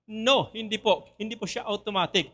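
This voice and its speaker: High, bright Filipino preacher. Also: male voice, normal speed. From Philippines. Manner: switches between Tagalog and English, asks the congregation questions. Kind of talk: sermon. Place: church.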